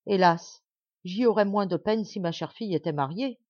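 A woman's voice: medium pitch, normal speed, a little mellow, no room sound, lo-fi sound, close to an everyday voice. A woman voicing a frightened, grieving queen who pleads and laments in a storybook reading. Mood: despairing.

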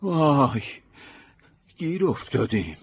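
A man voicing an excitable, fretful young male manservant in an audiobook, with a breathy, high, jumpy voice. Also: no echo, studio quality, exaggerated voice. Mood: agitated. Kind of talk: audiobook character voice.

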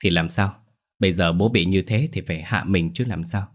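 A man's voice: deep voice, moderate pace. A man voicing a worried village wife who stammers anxiously.

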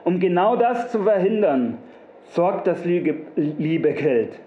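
A man's voice: high-pitched, sing-song, takes it slowly. A man narrating a satirical fairy tale in a playful, wordy, repetitive way. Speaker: storyteller. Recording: roomy, dull lo-fi recording.

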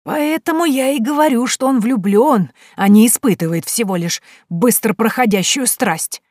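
A woman reading an audiobook voices a sharp-tongued, domineering old mother-in-law who scolds slowly and cuttingly. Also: medium pitch, animated, no echo, clean studio sound, voice pushed up, close to an everyday voice. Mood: scornful.

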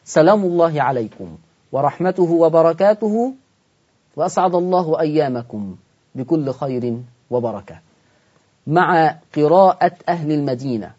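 A man's voice: on the high side, darkish tone, highs cut off. A man with an Egyptian accent hosting a televised Quran recitation lesson, asking the audience questions and answering them himself. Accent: Egyptian Arabic. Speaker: Quran recitation teacher and host.

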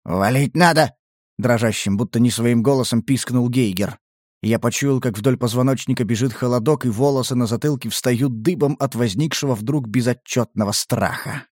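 A man's voice: medium pitch, normal speed, darkish tone, no room sound, clean studio sound. Man narrating an audiobook. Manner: tense, dramatic storytelling. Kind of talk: scripted first-person narration.

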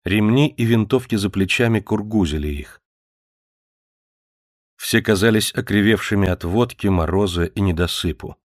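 A man narrating an audiobook in a low voice, with measured, even storytelling. The recording is close and dry, with no room sound. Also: no room sound.

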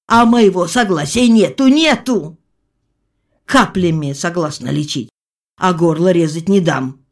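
A woman's voice: lowish voice, measured pace. A woman voicing a stubborn old peasant grandmother who whines and protests. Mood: whining protest. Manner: whining, insistent protest.

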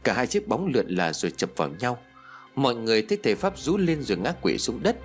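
A man's voice: medium pitch, big pitch swings, fast talker, faint music behind. A man reading a ghost story aloud in dramatic, scripted narration. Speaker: audiobook narrator.

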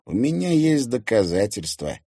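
A man's voice: lowish voice, very animated, moderate pace, mellow, slightly rough, no room sound, studio quality, pitched above the performer's own voice, full character voice. A man voicing an angry, blunt teenage boy who answers curtly and with disgust, in an audiobook. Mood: indignant. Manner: curt, grumbling.

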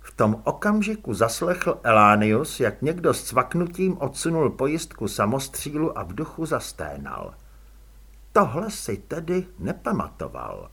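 A male audiobook narrator telling the story with expressive drama. His voice is bright and slightly husky, and it moves animatedly up and down in pitch.

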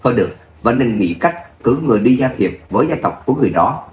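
A man narrating a serialized web novel episode in a steady storytelling voice. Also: medium pitch, fast talker, echoey room, a little hiss or hum. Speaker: audiobook narrator.

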